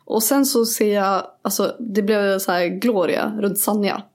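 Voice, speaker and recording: A young woman co-hosting a podcast in casual chat, telling a story in an animated way and acting out bits of dialogue, with casual swearing. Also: mid-range voice. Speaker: podcast co-host.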